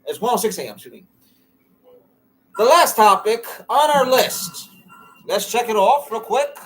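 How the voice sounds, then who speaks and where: A man's voice: very high-pitched, very animated, normal speed, fairly bright tone, faint music behind, poor audio. A man co-hosting a casual chat podcast, talking in earnest, rambling runs and steering the topics. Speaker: podcast co-host.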